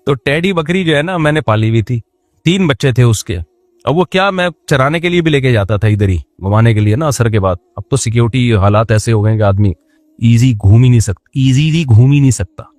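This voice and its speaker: A man's voice: mid-range voice, animated, fairly quick, no echo. A man giving a sermon in a conversational tone, joking and speaking straight to his listeners. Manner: conversational, jokes and asides to listeners. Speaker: Islamic preacher.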